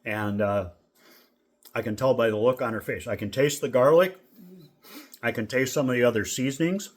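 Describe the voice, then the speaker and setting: A middle-aged man from Minnesota casually reviewing food in a relaxed, rambling vlog with lots of fillers. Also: medium pitch, normal speed. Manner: rambling, easygoing, with many fillers. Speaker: vlogger.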